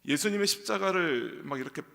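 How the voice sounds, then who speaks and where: Pastor, male, preaching in a gravel-edged voice that echoes in a reverberant sanctuary. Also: animated, a little fast, bright, forceful tone. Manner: acts out quoted lines in a raised pitch. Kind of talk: sermon. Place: church sanctuary. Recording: long church hall reverb.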